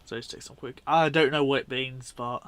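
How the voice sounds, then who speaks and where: A man's voice: medium pitch, fairly even intonation, brisk, fairly bright tone, clear, resonant tone, no echo. A man giving casual, unscripted commentary on video clips in a rambling, informal way, often correcting himself. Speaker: video host.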